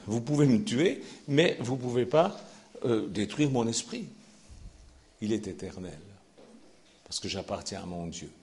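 An older man preaching a sermon in a chapel, expressive and jovial, swinging from loud declarations to hushed asides. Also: medium pitch. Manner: warm, expressive preaching with laughter and sudden shifts between loud and hushed. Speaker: pastor.

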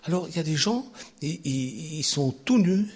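A man preaching a sermon in an animated way, swinging from loud exclamations to near-whispers. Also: a little high, moderate pace, husky.

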